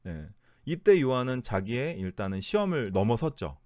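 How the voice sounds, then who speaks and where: A man's voice: mid-range voice, big pitch swings, moderate pace, a little mellow, no echo, clean studio sound. A man teaching a Bible study, who asks his listeners rhetorical questions and corrects himself mid-sentence.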